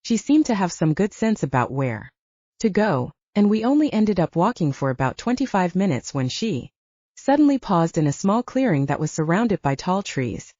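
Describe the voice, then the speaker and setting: This audiobook clip has a woman narrating in first person with a warm, lowish voice full of animation and wide pitch movement. Her pace is ordinary. The recording is dry and somewhat dull.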